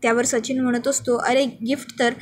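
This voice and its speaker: High-voiced woman retelling a serial. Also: normal speed. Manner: steady storytelling, quoting every character in her own voice. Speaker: serial recap narrator.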